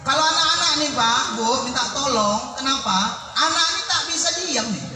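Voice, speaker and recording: Lively man preaching. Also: very high-pitched, brisk, slight background noise. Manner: lively storytelling, acting out the people in his stories. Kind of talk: sermon. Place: mosque hall. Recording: echoey mosque hall from far off, crowd.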